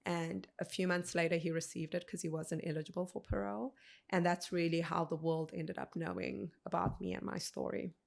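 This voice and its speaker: Low, gravelly woman telling her story. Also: fairly even intonation. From South Africa. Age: 30s. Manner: earnest, measured storytelling with quoted dialogue. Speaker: guest. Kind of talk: personal storytelling in a podcast interview.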